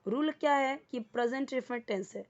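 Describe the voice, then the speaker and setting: A woman with an Indian accent teaching a spoken English lesson, explaining slowly and repeating words and their meanings. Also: high voice, muffled recording.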